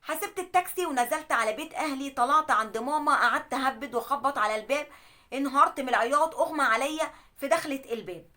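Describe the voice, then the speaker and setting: Fast, bright Egyptian woman storyteller. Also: high-pitched. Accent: Egyptian Arabic. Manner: emotional, animated storytelling. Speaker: storyteller and advice host. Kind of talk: dramatic first-person story narration.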